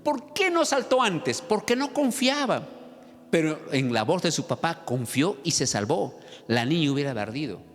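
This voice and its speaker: A man's voice: a little high, very animated, moderate pace. A man, the pastor, preaching a sermon with dramatic storytelling and questions to the congregation. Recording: long church-hall reverb, faint music.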